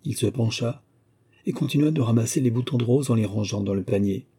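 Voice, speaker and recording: A man reading a novel aloud in a measured, even narration. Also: medium pitch, breathy edge. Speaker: audiobook reader.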